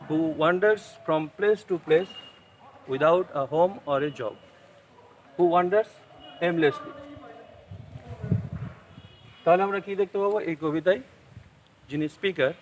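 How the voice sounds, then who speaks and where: Male teacher with a Bengali accent, slow and careful lecture delivery, faint hiss behind. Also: fairly high pitch, low-quality recording. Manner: slow, deliberate explaining, mixing English with Bengali. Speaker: school English teacher. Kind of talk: online class lecture.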